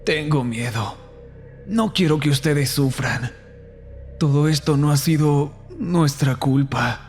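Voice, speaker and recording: A man voicing a grieving, despairing father who speaks quietly in a horror story. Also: on the high side, slow, soft background music. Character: grieving, broken middle-aged father.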